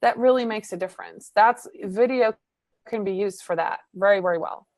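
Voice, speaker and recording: A woman from the Netherlands with a Dutch accent, a marketing coach chatting as a guest on a video interview, animated and full of fillers. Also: medium pitch, normal speed, dry recording. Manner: chatty, animated, fills with "um" and "you know".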